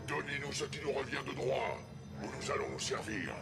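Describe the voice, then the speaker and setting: A brutal alien chieftain, gravelly and declamatory, making threats in a video game. His delivery swings widely in pitch, with loud music behind him. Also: expressive, moderate pace. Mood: menacing. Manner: menacing, declamatory. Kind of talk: dubbed video game acting.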